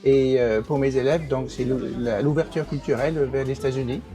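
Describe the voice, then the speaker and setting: Soft music plays behind a man with a warm, steady, mid-range voice. A native English speaker who teaches English and directs a program, he answers interview questions haltingly, with many pauses, fillers and restarts.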